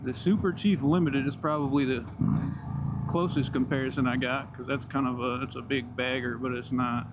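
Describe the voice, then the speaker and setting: Male motovlogger, casual and slangy, mid-pitched, talking mid-ride under very loud engine and road noise. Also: steady tone, moderate pace. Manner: laid-back slangy enthusiasm; talking while riding a motorcycle. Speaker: motorcycle vlogger. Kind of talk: casual riding commentary. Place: outdoors on a moving motorcycle.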